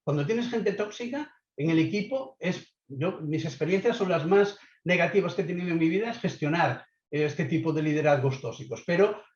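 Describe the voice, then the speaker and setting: A man giving a webinar lecture on leadership, offering measured advice and often checking in with listeners. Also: on the high side, animated. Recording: echoey, slightly dull online audio.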